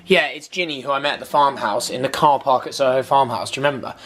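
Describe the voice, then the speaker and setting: A British man talks in a casual, conversational way at home. His voice sits at a middling pitch. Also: fast talker, fairly bright tone.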